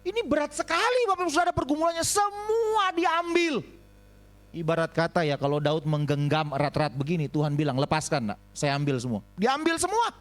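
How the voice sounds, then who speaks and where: A man preaching a sermon as pastor, animated, swinging between high exclamations and low asides and calling on the congregation for amens. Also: fairly quick, faint music behind. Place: church.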